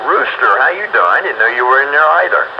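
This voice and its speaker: Over a muffled, noisy ham radio link, an amateur radio net participant chats in a sing-song, mid-range voice. He talks fast, folksy and full of exclamations.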